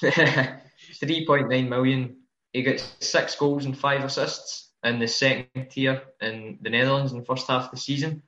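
A man co-hosting a casual fantasy football podcast, relaxed and hedging his picks. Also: medium pitch, moderate pace. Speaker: podcast co-host. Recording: roomy, dull lo-fi audio.

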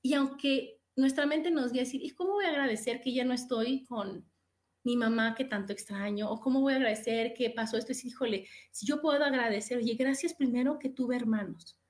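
A woman's voice: on the high side, brisk. A middle-aged woman with a Mexican accent hosting a motivational podcast, talking expressively and acting out little quoted exclamations. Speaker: podcast host.

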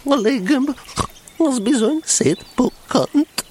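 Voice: sits high, lively intonation, noisy background. A performer voicing a small, timid male piglet in a children's audio drama, meek and hesitant with a nervous stammer. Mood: timid, sorrowful.

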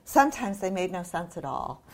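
A woman's voice: on the low side, sing-song, fairly quick. An older woman from New Zealand talking as a guest author, candid and discursive in a conversational literary discussion.

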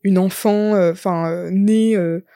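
A woman's voice: medium pitch, fairly even intonation, a little slow, mellow, dry recording, studio quality. A woman from southern France with a Parisian French accent, telling personal stories in slangy, informal, self-interrupting French. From Lozère, southern France. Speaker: interview guest, stage actress. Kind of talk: casual chat, telling personal anecdotes.

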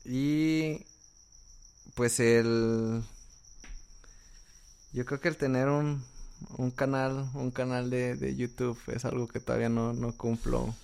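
A man's voice: medium pitch, level tone, takes it slowly, vocal fry, pauses often, a little mellow, clear, resonant tone. A man with a Mexican accent in casual conversation, hesitating and repeating words as he thinks.

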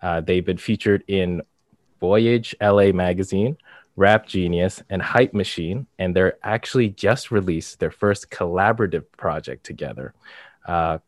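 Male podcast co-host, low register, monotone and casual, recorded dry and close. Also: a little slow, no echo. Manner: monotone, flat delivery.

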